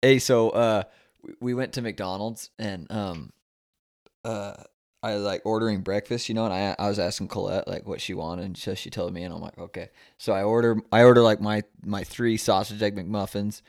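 A man's voice: fairly low pitch, fairly even intonation, moderate pace, darkish tone. A young man in casual chat, telling rambling stories full of swearing and laughter. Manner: rambling storyteller, heavy swearing, laughs often.

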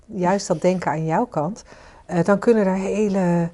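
Woman, low-ish voice, podcast co-host, asks reflective questions. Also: measured pace. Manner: warm inviting, asks listeners questions. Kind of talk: casual conversation with listener invitations.

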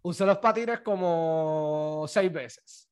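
A man's voice: a little high, smooth. A young man with a Puerto Rican accent, telling stories and swearing freely in a casual podcast chat. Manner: storytelling, swearing, quick laughs. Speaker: podcast co-host.

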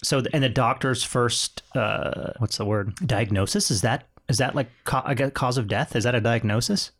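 A man's voice: mid-range voice, normal speed, a bit bright. A man co-hosting a podcast, reading a story and chatting between parts in a rambling, self-correcting way. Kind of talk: casual chat and story reading.

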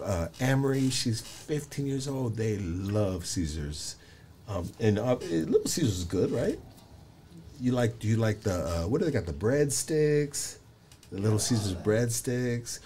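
A man in his forties interviewing casually, halting and leaning on fillers and tag questions. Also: on the low side, a little mellow, a little hiss or hum. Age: 40s.

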